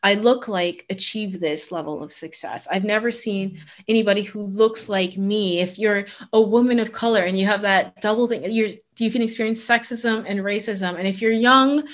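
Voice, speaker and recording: A woman's voice: mid-range voice, normal speed. A woman from the Bahamas, a career coach, speaking candidly and emphatically in an interview. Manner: candid, emphatic, laughs in disbelief at anecdotes. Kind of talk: conversational interview.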